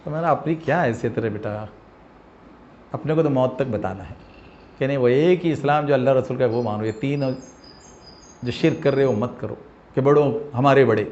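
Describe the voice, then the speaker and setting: A man giving an emphatic, informal sermon that swings from loud to quiet. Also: mid-range voice, pauses often, a little hiss or hum. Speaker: preacher giving a weekly talk. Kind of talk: informal sermon with acted anecdotes. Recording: dull lo-fi recording.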